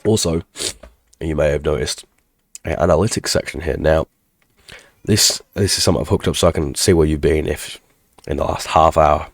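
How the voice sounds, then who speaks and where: Stuffed-up guy, super deep gravelly voice, rambling through his tech channel update, dry close mic. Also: normal speed, pauses often, no echo. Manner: rambling, self-deprecating, restarts mid-sentence. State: congested, stuffed up from a cold. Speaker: tech tutorial channel host. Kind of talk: casual channel update with screen walkthrough.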